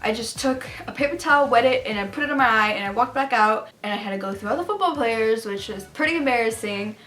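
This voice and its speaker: A woman's voice: a little high, fast talker, a bit bright. A young adult woman casually telling personal stories to camera in a chatty, gossipy, emphatic way. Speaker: storytime vlogger. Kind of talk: casual confessional storytelling to camera.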